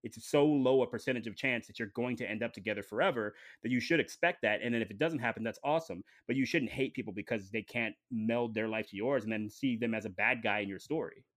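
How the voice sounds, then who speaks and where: A man talks casually on a podcast at a quick clip. His voice sits at an average pitch, and the sound is close and dry. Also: fairly bright tone, no room sound. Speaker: podcast conversation partner. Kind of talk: casual chat.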